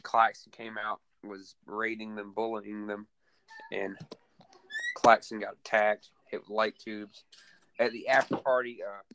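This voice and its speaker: Low-voiced man chatting over a dry, phone-like line. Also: flat delivery, a little slow, fairly bright tone, no room sound. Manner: rambling, with many fillers. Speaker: co-host recapping a wrestling show. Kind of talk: casual podcast chat.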